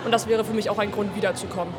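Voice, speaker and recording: A young woman answers interview questions steadily, her voice quite flat in melody. A loud crowd chatters around her. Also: medium pitch, very fast, noisy background. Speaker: festival participant. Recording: crowd chatter at a busy event.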